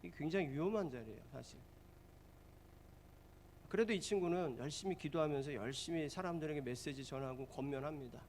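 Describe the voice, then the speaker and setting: A man's voice: on the high side, a little hiss or hum. A pastor preaching a sermon. He tells a story and keeps asking his congregation questions.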